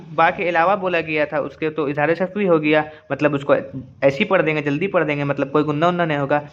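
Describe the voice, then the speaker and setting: A man with a fairly high voice teaches recitation rules in a patient lesson and goes over each point again and again. The recording sounds dull and lo-fi. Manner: repetitive, patient explaining. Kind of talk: explanatory lesson with slow recited examples.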